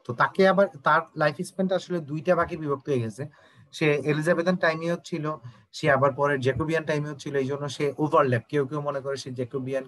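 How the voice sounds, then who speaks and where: A man's voice: on the high side, a bit bright. A Bangladeshi man teaching an online exam-prep lesson, explaining step by step and often checking that students understand. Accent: Bangladeshi Bengali.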